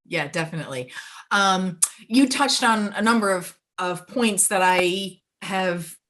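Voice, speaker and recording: A woman's voice: medium pitch, unhurried, fairly bright tone. A woman moderating an author panel, affirming answers and asking questions. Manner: friendly, affirming, lots of "mm-hmm".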